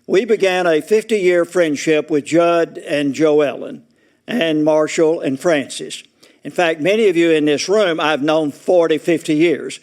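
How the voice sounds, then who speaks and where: A man's voice: fairly high pitch, a little slow, a little mellow. A man in his eighties with a Southern accent, a retired preacher giving a joking, folksy speech at a residents' meeting. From Arkansas. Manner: folksy joking storyteller, laughs through his lines. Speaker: retired Baptist preacher, guest speaker. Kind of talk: humorous after-dinner style speech. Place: meeting room at a retirement community.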